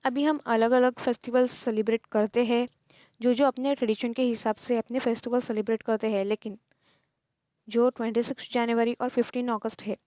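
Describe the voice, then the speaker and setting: An Indian woman teacher going through a textbook chapter, slowly reading English lines and explaining them in Hindi. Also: on the high side, steady tone, dark tone, no echo, clean studio sound.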